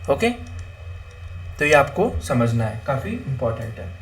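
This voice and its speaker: A man's voice: mid-range voice, sing-song, a little slow. A young man teaching an exam-prep Hindi grammar lesson, asking and answering his own questions and mixing English words into Hindi.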